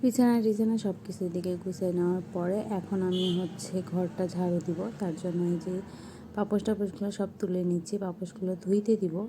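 A young woman narrating her home vlog in a soft, hushed voice-over. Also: fairly low pitch, steady tone, fairly quick, background noise. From Bangladesh. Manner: soft, hushed talk so a sleeping child stays asleep. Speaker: vlogger.

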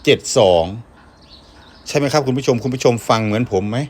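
A man's voice: medium pitch, very fast, darkish tone, a little hiss or hum. A man with a Northeastern Thai accent chatting casually and coaxingly, repeating short questions insistently. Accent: Northeastern Thai (Isan). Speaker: video host talking to a pet bird.

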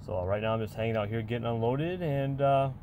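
Talking from inside his truck cab, this worn-out American driver in his forties chats in a rambling, easygoing vlog style, pausing often to fill the gaps. He has a mid-range male voice, picked up by a phone or dash camera held at arm's length with slight background noise.

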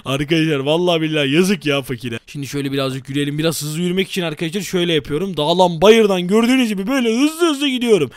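A man giving excitable gameplay commentary, talking straight to his viewers at a rapid clip. His voice sits high for a man, and the sound is close and dry, with no room around it. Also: no room sound. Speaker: gaming channel host.

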